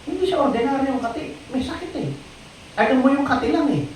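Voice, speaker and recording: A preacher calls out to his church-hall congregation for amens, his sermon lurching between loud bursts and hushed lines. The delivery is brisk with lively intonation. Heard from a distance in a very echoey hall, with a little background noise.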